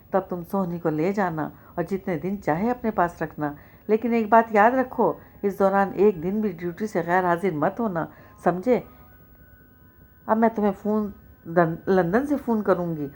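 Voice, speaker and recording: A woman's voice: medium pitch, a little mellow, natural voice. A woman reading the part of a scheming, grieving older rich widow who gives curt commands. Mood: commanding.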